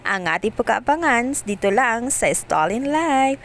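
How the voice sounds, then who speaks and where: A woman narrating a casual recap of a TV drama episode, telling the story quickly with many fillers. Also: on the high side, lively intonation, slight background noise.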